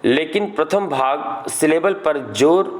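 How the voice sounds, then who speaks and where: A male teacher, explaining a grammar lesson step by step and answering his own questions. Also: on the high side. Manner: slow, explains step by step, asks questions then answers them.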